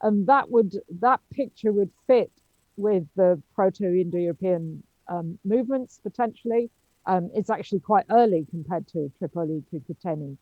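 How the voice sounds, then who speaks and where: A woman's voice: lowish voice, normal speed, dry recording, narrow, tinny audio. A woman chairing an academic seminar. She speaks hesitantly, with many ums and restarts. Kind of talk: academic discussion.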